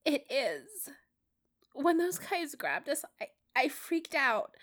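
A woman's voice: fairly high pitch, huge pitch swings, moderate pace, voice pushed up. A woman voicing Spider-Man as a young man who speaks in a small, stammering, tearful voice while faking distress. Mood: frightened, tearful. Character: young man, meek and teary, secretly sly.

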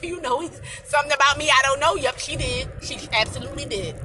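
A young woman talks straight to the camera in a casual confessional rant, her voice high and sharply bright. She swears freely, hammers points home by repeating them, and turns her story into blunt advice for younger women. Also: fast talker, slight background noise, rough recording. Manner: blunt, heavy swearing, emphatic repetition. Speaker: vlogger venting about a relationship.

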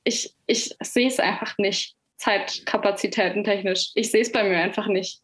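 A young German woman with a Franconian accent chats casually as a musician guest on a podcast, filling her speech with fillers and laughing easily. Her mid-range voice is fairly bright, with fairly even intonation and a measured pace.

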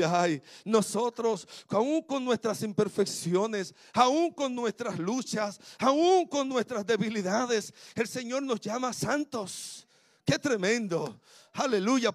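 High-voiced man preaching emphatically. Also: dry recording, studio quality. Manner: emphatic preaching, swinging from loud exhortation to hushed tones. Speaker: pastor. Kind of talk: sermon.

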